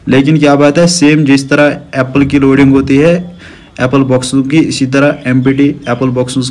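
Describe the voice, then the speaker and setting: एक जवान कश्मीरी लहजे वाला आदमी, जो फ़ोन हाथ में लेकर दर्शकों को अपना ट्रक दिखाता और समझाता है।. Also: male voice, mid-range voice, level tone, moderate pace, a little mellow. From Kashmir. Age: young adult. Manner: friendly, shows things off to viewers. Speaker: trucker vlogger. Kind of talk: casual vlog walkthrough. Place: outdoors beside parked trucks and in the cab. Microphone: phone camera at arm's length.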